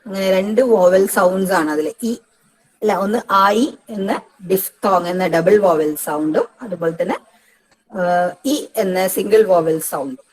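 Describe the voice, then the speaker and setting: A woman's voice: fairly low pitch, measured pace, darkish tone, poor audio. A woman with a Malayali accent teaching English pronunciation for an exam, explaining step by step and repeating key words. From Kerala, India. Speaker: English tutor. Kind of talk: exam-prep lecture mixing Malayalam and English.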